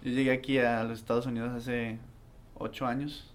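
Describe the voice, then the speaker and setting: A man, a band member, talking in a halting way and searching for his words. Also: medium pitch, level tone. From Colombia. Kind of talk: casual conversation.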